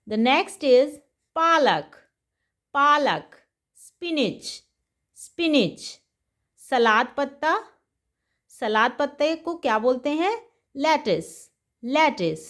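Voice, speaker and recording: A woman from India teaching children vegetable names, repeating each word slowly and carefully to show pronunciation. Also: sits high. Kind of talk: vocabulary lesson for children.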